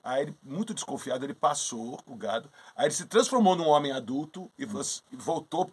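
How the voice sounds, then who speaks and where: A man's voice: medium pitch, quick pace, husky. A man in casual conversation retelling an old myth, acting out the characters' lines as he goes. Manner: animated, acts out characters' lines in the story. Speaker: astrologer co-host. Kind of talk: casual storytelling chat.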